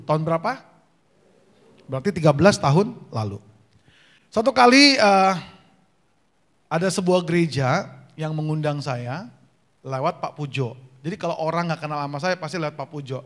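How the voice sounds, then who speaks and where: High-voiced man telling funny church stories. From North Sumatra, Indonesia. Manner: jokey storyteller, acts out dialogue with quick voice changes. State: slightly worn voice. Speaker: gospel singer and preacher. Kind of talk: humorous testimony sermon. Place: church prayer meeting.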